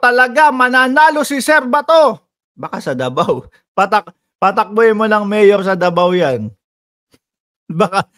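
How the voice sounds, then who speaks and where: Speaking straight to his audience, a vlogger from the Philippines offers offhand political takes in a sarcastic, needling tone. The voice sits high with a fairly bright quality.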